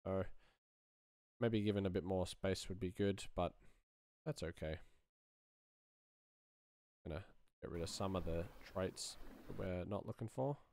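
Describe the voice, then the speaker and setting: A man in his thirties thinks aloud while doing sound design in a casual screen-share. His low, darkish voice runs a little slow, with frequent pauses as he muses over his work.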